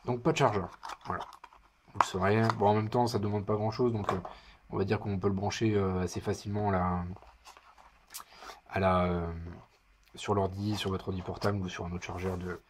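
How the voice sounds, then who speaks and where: A man's voice: lowish voice, level tone, normal speed, long pauses, noisy background. A man giving casual unboxing commentary in his living room, chatty and hesitant with wry asides. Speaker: product reviewer.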